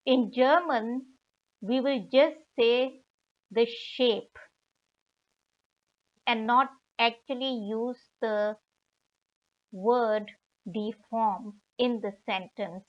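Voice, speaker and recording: A woman teaching German vocabulary in a tutorial, pausing often and sounding out each German word with care. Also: fairly high pitch. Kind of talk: slow, deliberate tutorial explanation. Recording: slightly dull lo-fi recording.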